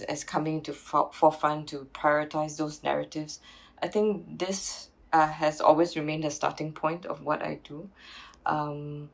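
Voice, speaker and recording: A Singaporean woman, a curator and PhD researcher, answers interview questions reflectively, restarting often and using many fillers. Her voice sits low with vocal fry, and the audio quality is poor.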